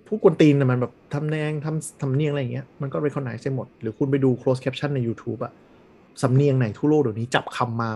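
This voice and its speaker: A man chatting casually on a podcast, blunt and animated, swearing freely. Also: medium pitch, a little fast, vocal fry, breathy edge. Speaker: podcast host. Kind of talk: casual chat.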